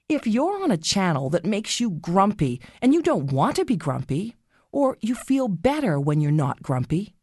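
Woman narrator for children's guided meditation: unhurried, soothing, gently instructive, with melodic pitch movement and a close, dry sound. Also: slightly rough, dry recording. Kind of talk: scripted guided meditation story.

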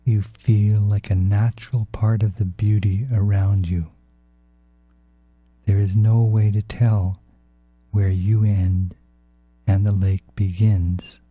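A man narrating a guided relaxation in a soft, hushed, calm and unhurried way, as a meditation guide. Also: on the low side, faint music behind. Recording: dull, roomy, echoing sound.

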